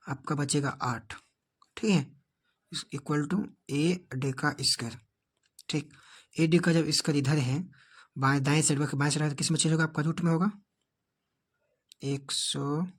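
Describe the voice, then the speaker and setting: A man teaching a board exam math lesson, explaining each step and checking in often with the class. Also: fairly high pitch.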